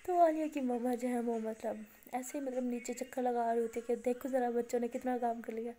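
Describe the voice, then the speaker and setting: A woman with an Indian accent retelling a love story in casual Hindi, chatty and quick, slipping into the characters' lines with excitement. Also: a little hiss or hum. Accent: Hindi-Urdu speaking, Indian. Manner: breathless, chatty retelling, voicing characters' lines with rising pitch. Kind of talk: casual spoken storytelling with acted dialogue.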